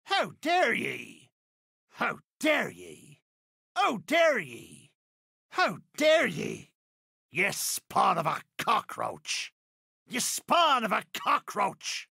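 Captain Barbossa, gravelly swaggering pirate. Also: male voice, high-pitched, wildly swooping pitch, sharp tone, dry recording, studio quality, exaggerated voice. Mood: outraged. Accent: pirate dialect. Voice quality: gravelly, raspy. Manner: theatrical, drawn-out, archaic pirate speech. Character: swaggering, vengeful male pirate captain, boastful and menacing. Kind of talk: video game character voice acting.

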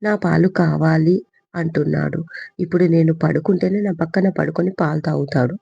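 A woman's voice: low voice, steady tone, fairly quick, creaky, warm tone, husky, dry recording, heavily acted. A woman voicing an anxious, protective young mother in an audio story. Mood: worried. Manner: anxious, defensive. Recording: dull lo-fi recording.

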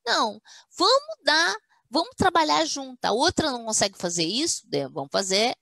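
A woman's voice: high-pitched, very animated, moderate pace, gravelly, pushed and bright, dry recording. A woman academic, telling stories in a webinar chat and acting out quotes in a firm motherly voice. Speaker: guest speaker, university academic. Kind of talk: webinar conversation, storytelling.

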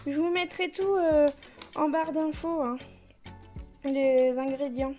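Chatty high-voiced woman cooking at home. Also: takes it slowly, warm tone, soft background music. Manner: chatty, many fillers, laughs at herself. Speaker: home cook vlogger. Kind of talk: casual cooking tutorial. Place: home kitchen.

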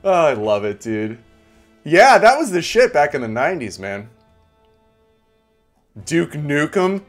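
A man's voice: fairly high pitch, big pitch swings, unhurried, soft background music. A man streaming a game, chatting casually with viewers, laid-back, swearing and laughing often. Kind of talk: casual live-stream chat.

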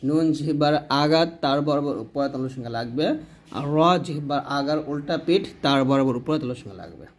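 A man teaching pronunciation of Arabic letters, patiently voicing each sound clearly and stressing it for learners to repeat. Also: on the high side, brisk. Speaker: Quran recitation teacher. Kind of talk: step-by-step pronunciation lesson.

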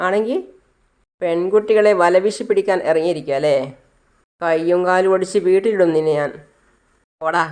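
A young man from a storybook retelling stands up to bullies, scolding and threatening them, as a woman narrator reads his part. The voice is a woman's own, a touch low. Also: a little mellow, lightly acted. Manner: defiant, scolding.

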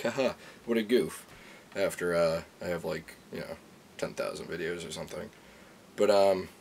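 A young man with a low voice and plenty of vocal fry rambles casually for a homemade vlog. He is laid-back and slangy, swearing freely. There is faint noise in the recording. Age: young adult. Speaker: food challenge vlogger. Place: at home, kitchen and small room. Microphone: handheld phone, later camera on desk.

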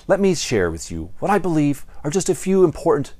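Speaking briskly with big pitch swings, this fifty-something American presenter of property management lessons gives a playful, theatrical storytelling lesson with emphatic delivery. His slightly high voice has a mellow edge. A lapel mic captures him in an indoor studio with a backdrop behind him.

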